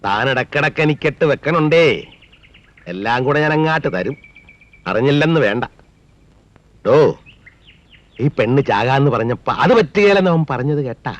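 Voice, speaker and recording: A man's voice: medium pitch, expressive, normal speed, pauses often, muffled recording, close to an everyday voice. A man playing a mocking, domineering landlord. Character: scheming wealthy landlord father, mocking and bossy. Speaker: wealthy landlord, a young man's father. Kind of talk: film dialogue.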